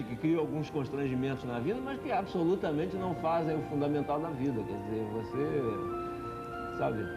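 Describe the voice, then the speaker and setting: Man, 40s, reflective interviewee over background music. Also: a little high. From Minas Gerais, Brazil. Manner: reflective, thoughtful. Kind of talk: documentary interview. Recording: music playing underneath.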